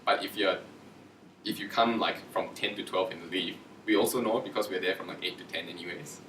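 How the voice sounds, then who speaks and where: A man's voice: sits low, a little fast, fairly bright tone, a little hiss or hum. A man giving a casual career talk to students, chatty and informal, acting out quoted dialogue in raised voices. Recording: echoey room, distant from mic.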